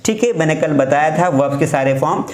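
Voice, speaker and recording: A man's voice: fairly high pitch, expressive, fairly quick, a little mellow, echoey room. A man, teaching a grammar lesson step by step and repeating examples. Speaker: English teacher.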